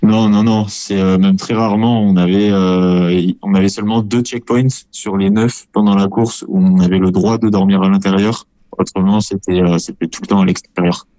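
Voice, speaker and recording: A man's voice: deep voice, steady tone, normal speed, warm tone, dry recording. A man in his twenties from France, an ultra-trail runner answering interview questions with many hesitations and restarts. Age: 20s.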